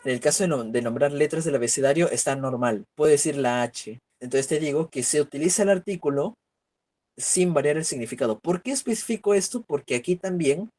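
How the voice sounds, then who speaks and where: Animated and a little fast, a man with a highish, darkish voice teaches grammar online, running through examples and firing off rhetorical questions. The virtual class is recorded through a computer mic on a video call.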